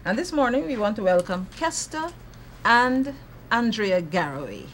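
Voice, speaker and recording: A woman hosting a morning television show, interviewing guests in a friendly, brisk way with frequent affirming murmurs. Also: fairly high pitch, very animated, fairly bright tone, slight background noise.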